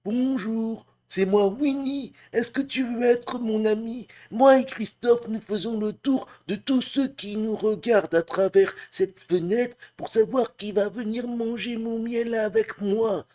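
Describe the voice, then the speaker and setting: A man voicing a gentle, honey-loving cartoon bear with a slow, childlike sing-song. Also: very high-pitched, pitched above the performer's own voice. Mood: sweet.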